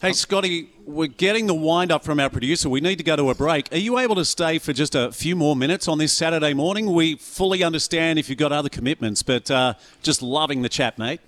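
A man's voice: on the high side, a little fast, few pauses, fairly bright tone. An Australian man hosting a sports radio interview, chummy and effusive, stretching key words for emphasis. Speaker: radio sports show host.

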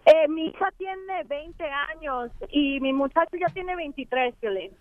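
A woman calling in to a radio show, speaking in an earnest, halting way. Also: sits high, expressive, dry recording. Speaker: caller. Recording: tinny phone line.

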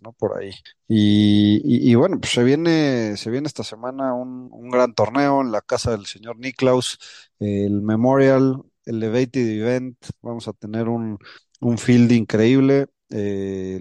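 A man's voice: medium pitch, fairly even intonation, a little slow, warm tone, smooth, no echo. A man co-hosting a golf podcast, talking colloquially and repeating words as he goes. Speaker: podcast co-host. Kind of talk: casual golf chat.

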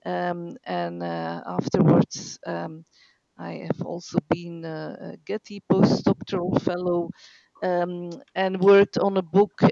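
A middle-aged woman from Belgium who speaks in a flat, monotone voice with a gravelly edge. She answers hesitantly and fills her speech with many pauses and fillers. The recording sounds dull, lo-fi and dry. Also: on the low side, no room sound. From northeast Belgium. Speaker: professor, interview guest. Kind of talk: casual interview answers.

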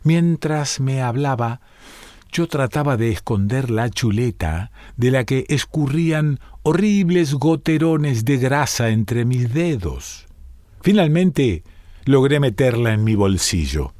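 Man calmly reading a story aloud. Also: medium pitch, slow, dry recording, clean studio sound. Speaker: reader.

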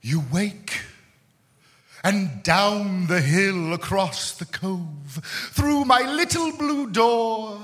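A man's voice: high voice, animated, drawn-out words, fairly bright tone, full character voice. An actor playing a vain, lovesick male poet on stage, declaiming florid verse in a grandiose, theatrical way. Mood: grandiloquent. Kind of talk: live stage comedy performance.

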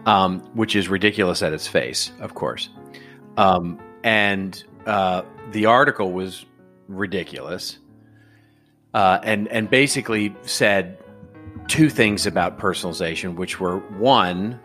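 A man's voice: sits low, a little slow, a bit bright, faint music behind. A man with a Texan accent, a regular guest on a podcast, talking in a rambling, casual way with many fillers and restarts. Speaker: regular guest, strategy advisor.

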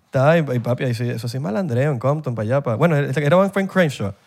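A man's voice: mid-range voice, expressive, very fast, a little mellow. A young man hosting a podcast in casual chat, slangy and playful, often quoting people in put-on voices.

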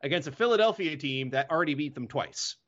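A man's voice: a little high, animated, quick pace, a bit bright, highs cut off. A man hosting a hockey podcast in casual chat, often correcting himself mid-sentence. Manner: rambling, self-correcting.

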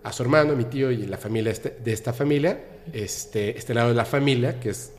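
Hombre mexicano contando una anécdota animada. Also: male voice, mid-range voice, fairly quick, slight background noise. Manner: animated, acts out the people he quotes, laughs often. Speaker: podcast guest. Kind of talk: casual storytelling.

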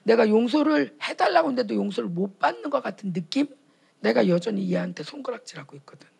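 Brief: high-pitched woman with a gravelly edge, fervent preacher who slips into acted-out exchanges. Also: animated, fast talker, a little mellow. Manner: impassioned, acts out quoted dialogues. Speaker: speaker at a retreat for pastors' wives. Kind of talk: sermon.

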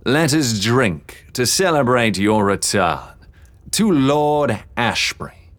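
A man voicing a smug, leering aristocratic gentleman in an audiobook, drawling and mocking. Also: fairly low pitch, very animated, very slow, full character voice. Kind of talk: audiobook character voice.

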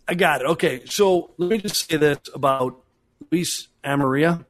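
A man's voice: a little high, normal speed. A man co-hosting a soccer show, chatting casually and restating phrases for emphasis as he analyses plays. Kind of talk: casual sports chat.

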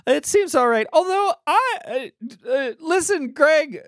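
Tiny male fairy, squeaky, rambling, flustered, very high voice, dry close sound. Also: animated, slow pace, fairly bright tone, no echo, full character voice. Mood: nervous.

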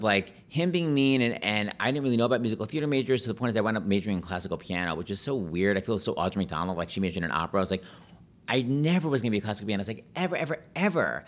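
A middle-aged man telling stories in a casual, animated chat, full of "like" and quick asides. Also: mid-range voice. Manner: chatty, animated, peppered with "like".

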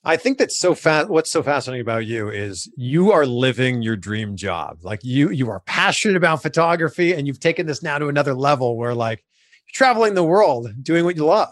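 A man's voice: medium pitch, fairly quick, no echo, studio quality. A man from Canada hosting a podcast, casual and upbeat as he interviews his guest. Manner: upbeat, animated. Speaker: podcast host.

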